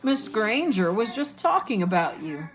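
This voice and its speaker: A woman's voice: lowish voice, a little slow, a crowd in the background, lightly acted. A woman doing a sly, mocking poltergeist. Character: mischievous male poltergeist, sly and taunting.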